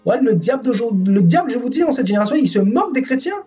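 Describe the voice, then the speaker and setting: High-voiced fervent preacher man. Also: very animated, fast talker, dark tone. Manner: fervent, repetitive, scolding. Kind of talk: sermon. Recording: distant dull sound with music.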